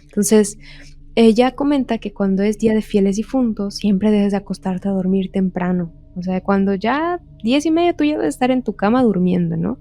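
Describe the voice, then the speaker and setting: A woman's voice: mid-range voice, normal speed, mellow. A woman casually retelling a ghost story on a podcast. She rambles and keeps repeating "he told me.".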